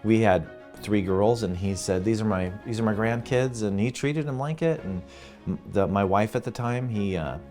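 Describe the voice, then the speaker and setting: A man with a low voice tells animated stories in a relaxed interview, laughing often and restarting his sentences. He sounds middle-aged, and faint music plays underneath. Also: moderate pace. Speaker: funeral home co-owner, guest. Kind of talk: casual interview storytelling.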